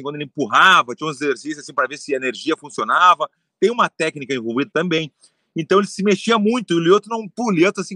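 A man telling a long story in casual chat, animated and swearing, acting out what others said. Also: fairly high pitch, no echo, studio quality. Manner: animated, swearing, acts out quotes. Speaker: storyteller guest.

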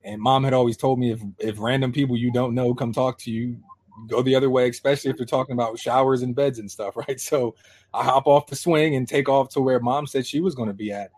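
A man in his thirties from Pennsylvania, a guest telling his life story in a casual, animated way. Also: medium pitch, fairly quick. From Harrisburg, Pennsylvania. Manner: lively, animated storyteller acting out quoted voices.

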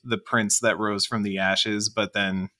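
Bright-voiced man chatting on a podcast. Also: fairly low pitch, little pitch movement, measured pace. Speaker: podcast co-host. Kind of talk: casual panel discussion.

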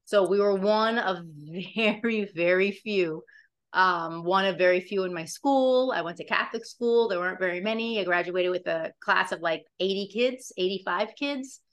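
A confident, upbeat woman from Pennsylvania, a journalist speaking as a podcast guest. She talks in a casual, direct way at a mid-range pitch. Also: moderate pace. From Pennsylvania, USA.

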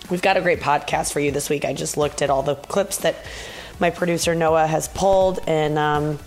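Female podcast host, low register, vocal fry, weary, candid and self-deprecating, casual rambling delivery. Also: steady tone, moderate pace, soft background music. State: tired from travel and talking. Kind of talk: casual solo podcast monologue. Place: bedroom in a condo, sitting in bed.

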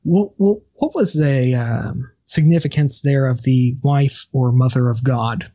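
A man with a husky, mellow voice co-hosting a podcast, steering the conversation with leading questions. The sound is a little dull and lo-fi. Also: medium pitch, unhurried. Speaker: podcast co-host. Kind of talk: casual chat.

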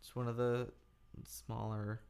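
A man's voice: medium pitch, level tone, a little slow, vocal fry, a little mellow, clear, resonant tone. A man co-hosting a TV podcast in casual chat, rambling and trailing off, laughing often. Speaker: podcast co-host.

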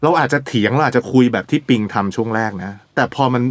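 A married man appearing as a guest on a casual podcast. He talks in a relaxed, reflective way. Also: mid-range voice, fast talker, dry recording. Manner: relaxed, reflective, speaks in first person plural. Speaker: actor, guest.

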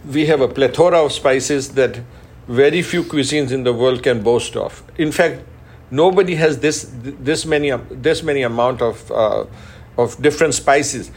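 A middle-aged chef and restaurant owner from Pakistan and India is an interview guest. He talks with enthusiasm at a moderate pace in a slightly rough, mid-range voice, repeating words as he lists things.

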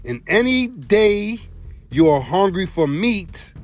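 A man's voice: high-pitched, big pitch swings, slow pace, soft background music, voice pushed up, full character voice. A man voicing a wounded, frightened male dog in a storybook tale, pleading desperately in a raised voice.

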